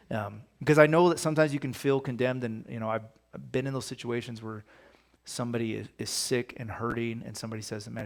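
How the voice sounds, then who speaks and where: Gravelly man teaching a Bible study. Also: mid-range voice. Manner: conversational, reads scripture aloud with emphasis. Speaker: pastor.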